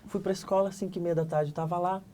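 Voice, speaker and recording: A middle-aged man from Santa Catarina, Brazil, giving an interview as a guest and telling a personal story in a lively way, acting out the dialogue and swinging between loud and hushed. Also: sits high, fast. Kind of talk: animated personal testimony.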